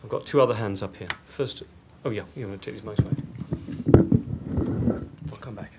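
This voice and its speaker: A man's voice: on the low side, fairly quick, noisy background. Rambling male panel chair. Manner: rambling, thinks aloud with fillers. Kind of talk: moderating a panel discussion. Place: conference room.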